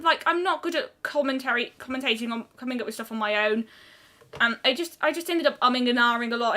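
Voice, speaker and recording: A young British woman streamer chatting casually while drawing, rambling with quick restarts. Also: fairly high pitch, bright, forceful tone.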